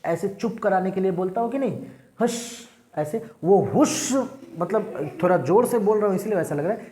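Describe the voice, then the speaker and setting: A man's voice: sits high, quick pace, mellow. Guy teacher explaining english words, keeps asking if you got it. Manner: keeps checking if students understood. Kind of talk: classroom lecture.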